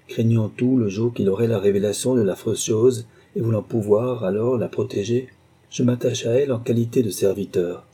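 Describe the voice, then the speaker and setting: A man voicing a loyal middle-aged male valet who speaks in an earnest, measured way. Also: fairly low pitch, mellow, breathy edge.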